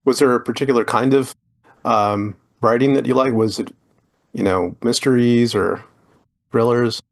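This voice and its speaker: Man, podcast host, casual interview, rambling, friendly, mid pitch. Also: fairly even intonation, moderate pace, gravelly. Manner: rambling, many fillers and restarts, friendly.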